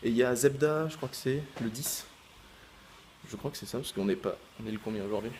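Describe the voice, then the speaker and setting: A man's voice: medium pitch, fairly quick, darkish tone, a little hiss or hum. A man who makes gaming videos, chatting casually to his viewers in a rambling, hesitant way full of fillers and restarts. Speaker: gaming YouTuber. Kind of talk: casual vlog chat.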